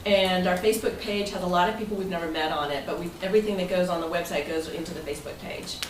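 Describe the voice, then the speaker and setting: A woman with a fairly low pitch speaks fast in a steady tone, sounding distant and roomy. She is a club president giving members an informal presentation in a room at their meeting, chatty, rambling and loosely phrased. The audio is noisy, recorded from far away.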